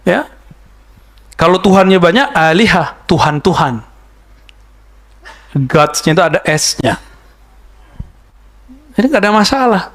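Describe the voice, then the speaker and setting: Lively, fairly high-voiced male preacher. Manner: lively, conversational preaching with asides and rhetorical questions; chants Arabic verses slowly. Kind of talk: sermon.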